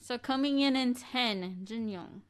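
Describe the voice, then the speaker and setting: A woman co-hosting a casual podcast, chatty, laughing often and trailing off into quiet asides. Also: a little high, measured pace, clean tone. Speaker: podcast co-host. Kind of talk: casual chat.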